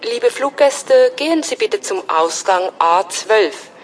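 A woman voicing a calm airport announcer. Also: mid-range voice, a little hiss or hum. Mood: announcing. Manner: clear, measured announcer delivery. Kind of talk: scripted listening-exam recording.

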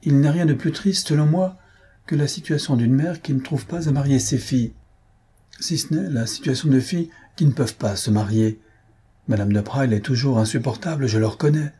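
A man's voice: medium pitch, brisk, dark tone, slightly rough, pitched above the performer's own voice, lightly acted. A man voicing a kind young countess in an audiobook, speaking earnestly and sympathetically.

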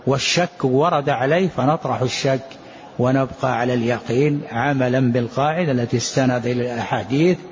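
A man's voice: medium pitch, brisk. Man, religious law lesson, rhetorical questions, addresses listeners, dull lo-fi recording. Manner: poses rhetorical questions and answers them. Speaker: Islamic jurisprudence teacher. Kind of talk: explaining a legal text in a lesson.

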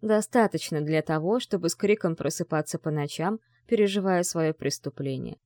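A woman's voice: sits low, normal speed, mellow, dry recording, clean studio sound. Woman narrating a tense thriller audiobook.

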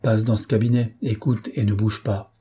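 A man's voice: fairly low pitch, steady tone, normal speed, dark tone, breathy edge. A man voicing a haughty, mocking rich prince in an audiobook, speaking coldly and with scorn. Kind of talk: audiobook character voice.

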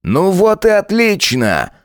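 A man's voice: sits high, wildly swooping pitch, takes it slowly, no echo, voice pushed up, full character voice. A sneering, cruel police lieutenant with a raised, taunting voice, as a male narrator puts him on. He jeers and threatens in a dry, close recording. He is an audiobook figure. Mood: mocking.

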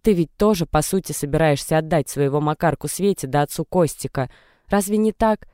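Brief: narrator playing a desperate young mother-to-be, tearful and defiant, mellow, clean and close on mic. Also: medium pitch, fairly quick, smooth, no room sound, close to an everyday voice. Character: young distressed pregnant woman. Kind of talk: audiobook character reading.

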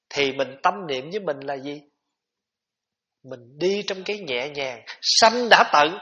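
A man giving a gentle, conversational Buddhist dharma talk, with rhetorical questions for his listeners. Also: a little high. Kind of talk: sermon. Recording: dull lo-fi tape recording.

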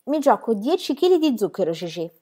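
A woman's voice: a little high, big pitch swings, fairly quick, dark tone, pitched above the performer's own voice. A woman reading an audiobook, voicing a weary but good-humoured young man who teases as he plays cards. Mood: teasing. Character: weary, fond young man, card player.

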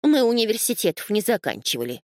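A woman voicing a gentle, motherly female otter who frets easily. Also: medium pitch, very animated, quick pace, no room sound, clean studio sound, pitched above the performer's own voice, close to an everyday voice. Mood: fretful.

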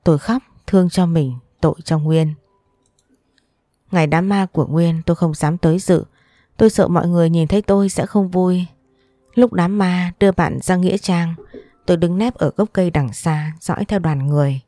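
A woman narrating a first-person story in a sorrowful, measured reading. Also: on the low side, fairly even intonation, warm tone, no room sound, studio quality.

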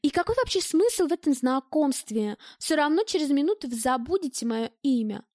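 A sardonic, sharp-tongued woman, put on by an audiobook reader who meets everything with venom and gloomy scorn. The voice sits high and bright. The recording is close and dry. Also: very animated, brisk, no room sound. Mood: scornful. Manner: biting, scornful, pessimistic. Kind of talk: audiobook reading.

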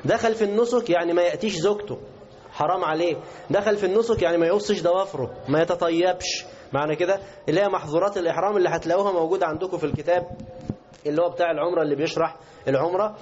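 Egyptian guy teaching a class, keeps asking the room questions, fast, muffled lo-fi sound. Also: high voice, darkish tone, slight background noise. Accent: Egyptian Arabic. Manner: interactive, asks the class questions. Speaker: religious teacher. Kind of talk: lesson. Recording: dull lo-fi recording.

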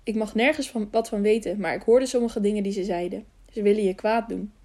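A woman reading the part of a young noble girl who talks in a hushed, urgent way, in an audiobook. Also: mid-range voice, fairly quick, natural voice. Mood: anxious.

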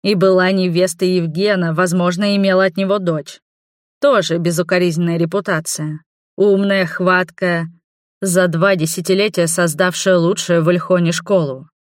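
Woman reader voicing a calm, suspicious male investigator, lowish and measured, for an audiobook. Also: dry recording, studio quality, lightly acted. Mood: coolly accusing.

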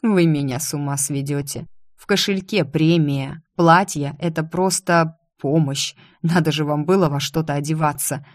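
A woman voicing a courteous aristocratic male rector who speaks in a measured, lazily haughty way. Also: sits low, steady tone, no echo, studio quality, close to an everyday voice. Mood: exasperated.

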